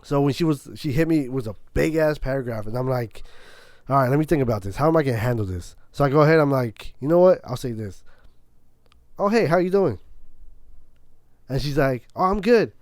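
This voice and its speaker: Young guy rambling thru a story on a podcast, swears a lot, dry close mic, middle pitch. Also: animated, fairly quick, long pauses, darkish tone, no room sound. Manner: rambling, swears a lot, acts out both sides of a quarrel. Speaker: podcast co-host. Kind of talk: casual storytelling chat.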